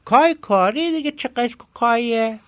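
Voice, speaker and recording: A man voicing an excitable, theatrical male smuggler sidekick in a high, whiny voice for an audiobook. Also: no echo. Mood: excited. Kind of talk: audiobook character voice.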